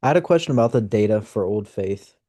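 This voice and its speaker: A man's voice: lowish voice, expressive, fast talker, warm tone. A man in an online class asking a hesitant question, full of "like" and "um". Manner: hesitant, many "like" and "um" fillers. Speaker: student. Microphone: computer mic on a video call.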